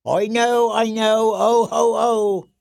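A man's voice: sits high, flat delivery, takes it slowly, gravelly, darkish tone, smooth, pitched above the performer's own voice, exaggerated voice. A man doing a sing-song mad fool. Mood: eerie. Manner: sing-song, eerie chanting.

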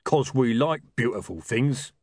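Casting: male reader doing a brash cursing thug, loud, punchy, lively pitch, dry close sound. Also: measured pace, breathy edge, no echo. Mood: gruff. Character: loud, coarse, swearing male thug with a love of art.

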